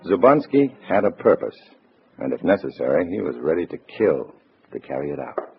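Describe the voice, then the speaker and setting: With a low, gravelly, exaggerated and very animated voice, an American-accented man narrates in first person and stars in a 1950s radio drama. He plays a wary undercover agent posing as a loyal party comrade, keeping his delivery measured, clipped and hard-boiled in a grim, tense mood. The recording is muffled vintage radio with music.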